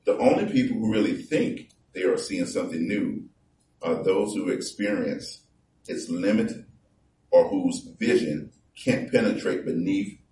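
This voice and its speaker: A man's voice: low-pitched, animated, dark tone, slight background noise. Conversational male preacher, echoey and distant. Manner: conversational, reads scripture slowly and emphatically. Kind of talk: sermon. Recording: echoey room from far off.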